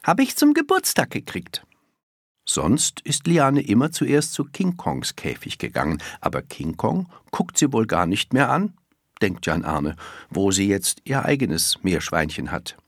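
A narrator reading a children's story aloud in a calm, expressive way. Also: deep voice, measured pace, slightly rough, dry recording, studio quality.

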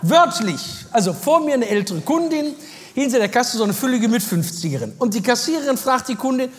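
A woman's voice: fairly high pitch, lively intonation, a little fast, a little hiss or hum. A woman telling a stand-up story in a chatty, amused way. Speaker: comedian. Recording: reverberant stage hall.

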